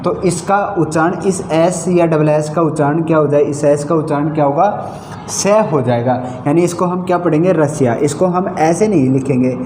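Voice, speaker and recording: A male teacher with a slightly high, mellow voice explains pronunciation rules. He spells each word out slowly, then poses a question and answers it himself. The sound carries a long, roomy reverb. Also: slight background noise. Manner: spells words letter by letter slowly, asks and answers his own questions. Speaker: English teacher. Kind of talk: Hindi-medium English phonics lesson. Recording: echoey room with long reverb.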